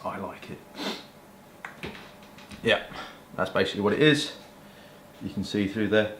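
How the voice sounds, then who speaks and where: A man's voice: fairly low pitch, measured pace. A British man chatting casually to camera in a rambling, colloquial way, like a hobby vlogger. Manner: rambling, colloquial, mild swearing. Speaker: pipe-smoking vlogger showing pipes and tobacco. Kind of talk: casual product chat to camera. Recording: roomy echo with faint background noise.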